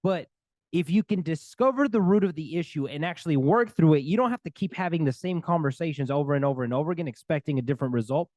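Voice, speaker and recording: A man's voice: a little high, lively intonation, fast talker, a little mellow, no echo. A man working as a divorce recovery coach, talking to camera with earnest, faith-filled encouragement. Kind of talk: energetic talk to camera.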